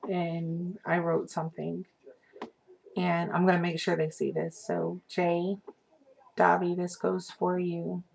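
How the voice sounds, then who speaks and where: Gravelly, hesitant young woman. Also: fairly low pitch, flat delivery, takes it slowly, darkish tone. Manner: hesitant with many fillers, emotional. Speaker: fan. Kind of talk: heartfelt message and poem reading.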